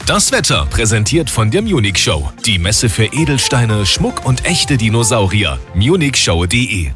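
A man's voice: on the low side, big pitch swings, normal speed. A man voicing station jingles and sponsor messages in a punchy promotional way. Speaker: station announcer. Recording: radio jingle over loud music.

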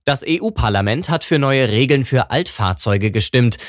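A man reading the radio news in a steady, formal way. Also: medium pitch, moderate pace, dry recording, studio quality. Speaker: newsreader.

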